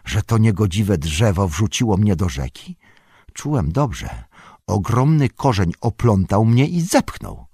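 An earnest, anxious young hobbit , voiced by a man reading aloud, his voice only a little raised from a deep register. The sound is husky and dry with a lively, rolling pitch. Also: unhurried, no echo, full character voice. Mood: shaken. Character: gentle young male hobbit, earnest and shaken.

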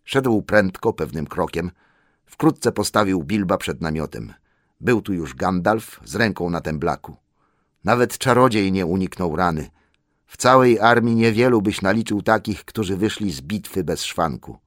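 A man with a deep voice reads a storybook aloud, expressive and full of movement in his pitch. The recording is dry and close, with no room sound. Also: measured pace, no echo. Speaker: audiobook narrator. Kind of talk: scripted narration.

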